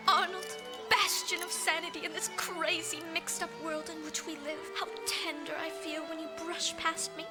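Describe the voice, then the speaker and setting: A woman's voice: very high voice, full character voice. A woman voicing a bossy, sarcastic girl of about nine in a cartoon, who secretly swoons into lovesick poetry. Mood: swooning. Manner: scornful, sarcastic, turns gushing and poetic. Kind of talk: cartoon voice acting. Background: cartoon music.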